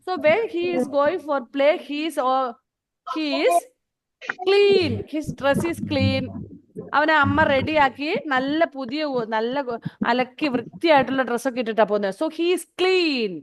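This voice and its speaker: Slow-coaxing Malayali woman teaching little kids. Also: high voice. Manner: slow, drawn-out English, then quick switches into Malayalam explanations; coaxing, calls children by name. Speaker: kindergarten English teacher. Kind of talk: online class for young children.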